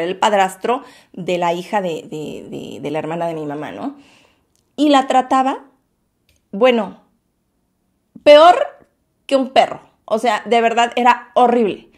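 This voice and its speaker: A woman's voice: mid-range voice, a little mellow. A woman, a YouTuber, candidly and expressively telling a personal story to her viewers, whom she calls her loves. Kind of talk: storytime vlog.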